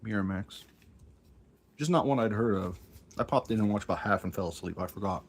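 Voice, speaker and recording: A man with a lowish, husky voice showing vocal fry mutters around a cough drop, musing aloud with many asides as he shows off his tape collection, speaking a little fast. He's in a room at home where a fan runs, leaving faint noise behind him.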